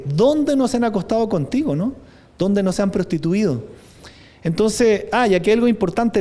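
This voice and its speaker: A man's voice: high voice, dark tone. A man with a Chilean Spanish accent preaching a sermon, talking in a conversational way with many rhetorical questions and reading scripture aloud with rising force. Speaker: pastor.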